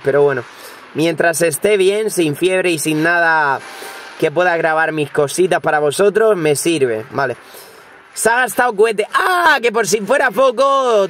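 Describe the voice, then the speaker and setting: A young man from Spain calls his mobile game as he plays it, with a Spanish accent and a voice a little higher than usual. He is hoarse with a cold. He curses freely and talks straight at his viewers. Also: slight background noise. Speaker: gaming YouTuber. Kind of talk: live gameplay commentary.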